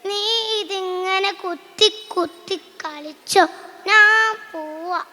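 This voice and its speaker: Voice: very high-pitched, slow, bright, forceful tone, a little hiss or hum, exaggerated voice. A child voicing a grumbling elderly woman neighbor who scolds the mother. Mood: scolding. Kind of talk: school stage monoact. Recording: echoey school hall.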